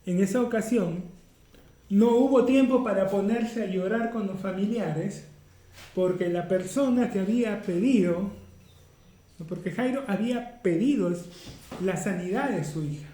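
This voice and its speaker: A man's voice: sits high, measured pace, warm tone, echoey room. A man preaching a sermon as pastor, teaching through rhetorical questions. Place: church.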